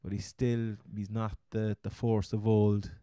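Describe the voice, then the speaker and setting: A man's voice: fairly low pitch, level tone, a little slow, warm tone, smooth, no room sound, studio quality. An Irish man with a Cork accent hosting a casual sports chat, rambling and often repeating his words. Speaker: podcast host. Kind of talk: casual chat, fantasy football commentary.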